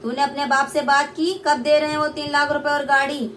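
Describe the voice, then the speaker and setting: A young woman voicing a harsh, greedy older mother-in-law in a puppet play, shrill and scolding. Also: flat delivery, fairly quick, a bit bright, slight background noise.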